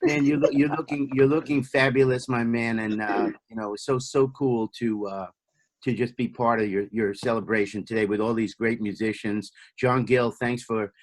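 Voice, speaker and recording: A man's voice: medium pitch, fairly even intonation, moderate pace, no room sound. A man casually congratulating a friend on a video call, easygoing and effusive, with many fillers. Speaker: guest drummer.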